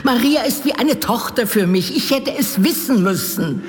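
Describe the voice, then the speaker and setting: An actress playing a devoted, superstitious castle nurse, imploring and solemn in archaic speech, in a gothic audio drama. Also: female voice, on the high side, expressive, moderate pace, close to an everyday voice. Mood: worried, insistent. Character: fearful, pleading old-fashioned castle nurse, devoted and superstitious. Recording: long reverberant hall.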